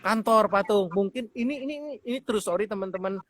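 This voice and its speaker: A man's voice: sits high, quick pace, fairly bright tone, no room sound. A man hosting a radio talk show, chatting casually with his guest and telling anecdotes. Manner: chatty, tells anecdotes, addresses guest often. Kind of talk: casual interview chat.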